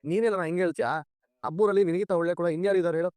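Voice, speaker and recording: An actor playing a young driver coaxing and flattering his boss for money in a TV serial. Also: high voice, racing, no echo, lightly acted. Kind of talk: TV serial acting.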